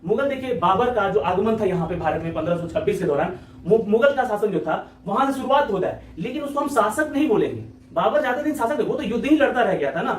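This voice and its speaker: A man teaching an exam-prep lecture, talking quickly and repetitively, often checking in with his listeners. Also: sits high, expressive, echoey room, recorded from a distance, a little hiss or hum.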